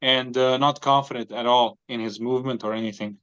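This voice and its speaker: A man from Croatia, a guest giving measured, thoughtful answers in a casual interview. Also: medium pitch, fairly even intonation, fairly bright tone. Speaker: podcast guest, arm wrestler. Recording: dull, dry, lo-fi sound.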